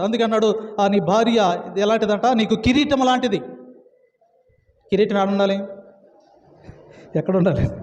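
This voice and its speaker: A man's voice: sits high, darkish tone. A man pastor preaching a sermon, emphatic and repetitive, full of rhetorical questions. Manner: emphatic, repeating phrases and asking rhetorical questions. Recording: echoey hall, dull lo-fi sound.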